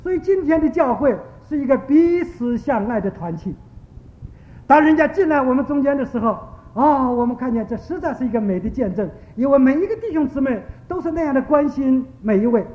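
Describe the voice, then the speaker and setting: High-voiced male preacher telling stories. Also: brisk. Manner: storytelling, animated quoting of characters. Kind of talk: sermon with acted stories. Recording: dull lo-fi recording.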